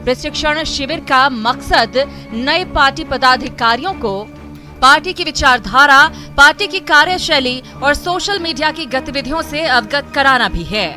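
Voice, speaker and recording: Female field reporter, formal voice-over, high, music bed underneath. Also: moderate pace.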